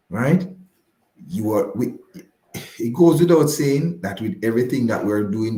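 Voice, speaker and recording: A financial advisor with a Jamaican accent gives explanatory interview answers, halting and repeating phrases for emphasis. His voice is lowish and mellow, picked up in a roomy, echoing way.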